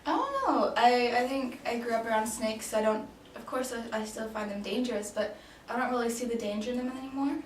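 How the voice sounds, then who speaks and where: Brisk and steady, with hardly any pauses, her fairly high voice carries through a casual role-play job interview. The Danish woman in her late twenties still hesitates, restarting and using many ums, while a distant mic catches room echo and faint noise.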